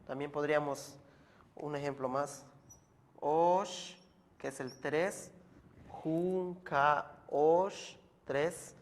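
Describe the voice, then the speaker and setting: A man teaching a language lesson, explaining slowly and patiently and repeating each word so the learner can follow. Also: on the high side, steady tone.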